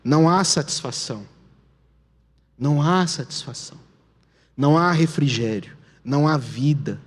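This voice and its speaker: A man with a Brazilian Portuguese accent preaching a sermon as pastor, telling the story dramatically and dropping to a hush at key moments. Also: on the high side, a little slow. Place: church sanctuary. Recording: long church hall reverb.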